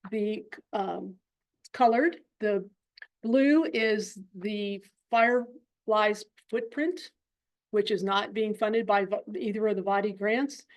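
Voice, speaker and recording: A woman's voice: mid-range voice, slow. A woman, a program director, giving an update to a commission, explaining step by step with frequent ums and uhs. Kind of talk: presentation to a commission. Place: public meeting room.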